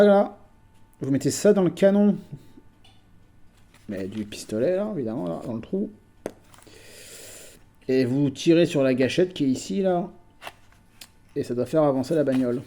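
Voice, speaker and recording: A man with a mellow, dark voice talks casually to his viewers from home. He is chatty and hesitant, often pausing on fillers and restarting his sentences. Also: medium pitch. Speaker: collector vlogger. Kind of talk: casual chat.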